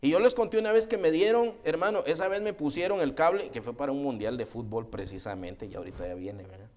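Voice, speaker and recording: A middle-aged man preaching a sermon as pastor, animated and often calling listeners "hermano". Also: fast. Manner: acts out quoted voices with rising pitch.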